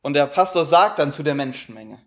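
A male interpreter with a slightly raised pitch renders a sermon phrase by phrase. He hesitates now and then, searching for words with fillers before finishing each line. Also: animated, brisk, fairly bright tone.

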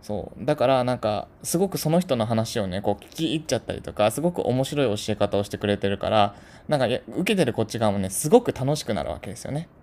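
A man's voice: medium pitch, animated, fast, few pauses, darkish tone. A man from Tokyo telling a casual story to his channel in a chatty, rambling way full of asides. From Tokyo, Japan. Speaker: channel host.

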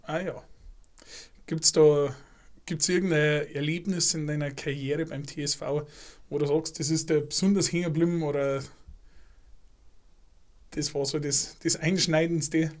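A man's voice: a little high, steady tone, a little slow, pauses often. A man hosting a casual podcast interview, hesitant and filling his questions with many "ähm"s and restarts. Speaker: podcast host.

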